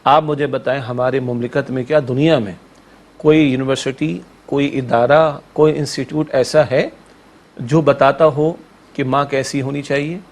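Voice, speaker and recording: A man's voice: medium pitch, steady tone. A male Islamic scholar on a religious TV talk show, speaking emphatically and preachily, piling up rhetorical questions and repeated lists.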